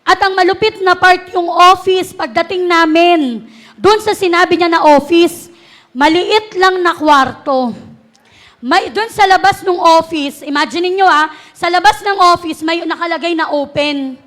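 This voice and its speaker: A woman's voice: extremely high pitch, unhurried. A woman tells her life story in a casual way, acting out the dialogue and mixing English words into her talk. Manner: animated, acts out dialogue, mixes English into Tagalog.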